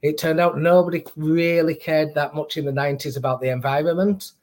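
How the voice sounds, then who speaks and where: This guest on a podcast is a middle-aged brewer and distiller from Northern England, speaking with a Northern English accent about his brewing career. His fairly high, a little mellow voice is steady and slightly fast. He chats casually, pokes fun at himself and laughs easily.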